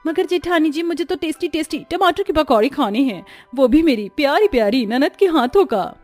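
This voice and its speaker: A woman's voice: sits high, expressive, brisk, a little mellow, soft background music, voice pushed up. A woman doing a squealing, cheeky young wife. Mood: teasing. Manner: teasing, squealing. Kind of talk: cartoon story voice acting.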